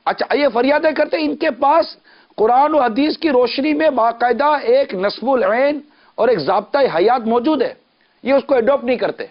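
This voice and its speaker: A man delivers a televised sermon. He speaks emphatically, stacking lists and asking question after question. The broadcast recording sounds slightly dull and lo-fi. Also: extremely high pitch. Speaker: Islamic preacher.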